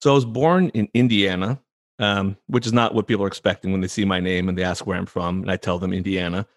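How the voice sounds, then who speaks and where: A man's voice: sits low, fairly even intonation, fast talker, no room sound. A chatty American man, about thirty to forty, raised in the San Francisco Bay Area, talking casually as an interview guest and often repeating words as he starts a thought. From United States, San Francisco Bay Area.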